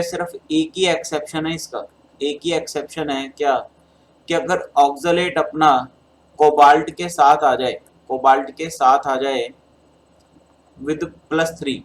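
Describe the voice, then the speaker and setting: A fairly high-pitched man with a Hindi accent and a sore throat gives an exam solution lecture in chemistry, going step by step and calling students beta. The recording is low quality, with slight background noise.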